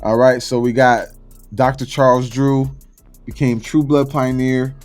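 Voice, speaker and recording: A man's voice: medium pitch, little pitch movement, unhurried, darkish tone, soft background music. A man from Florida hosting a casual podcast chat, laid-back and slangy, going down a list with plenty of fillers. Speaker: podcast host.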